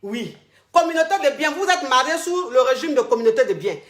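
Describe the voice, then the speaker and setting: A high-pitched woman talks a caller through her troubles, teasing and dramatic, looping the same phrases again and again. Her voice rings in a noticeably echoey room. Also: expressive, brisk, a bit bright. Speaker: host coaching callers. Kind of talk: casual advice call. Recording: roomy echo.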